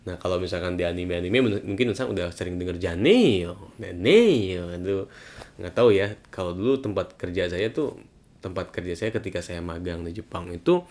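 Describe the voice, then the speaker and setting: A man with an Indonesian accent giving a casual, chatty Japanese lesson, his voice jumping higher on the example phrases. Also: a little mellow. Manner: chatty, keeps repeating the address to viewers; voice jumps higher when voicing example phrases. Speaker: Japanese language teacher.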